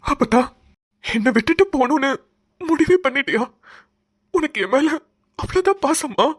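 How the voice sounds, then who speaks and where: A man's voice: very high-pitched, lively intonation, moderate pace, voice pushed up. A man voicing a devoted young grandson who reproaches his grandmother emotionally in a cartoon. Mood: hurt.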